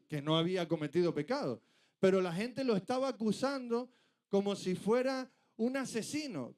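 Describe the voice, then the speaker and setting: Preacher guy, high voice, emphatic sermon, keeps building to urgent peaks. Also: darkish tone. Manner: emphatic, rhetorical questions, rising to urgent peaks.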